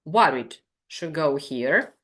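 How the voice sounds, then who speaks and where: A woman with a Ukrainian accent teaches trainee teachers in an online session. Her voice sits a little low and her delivery is very slow, patiently repeating each word to model its pronunciation. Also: animated, fairly bright tone.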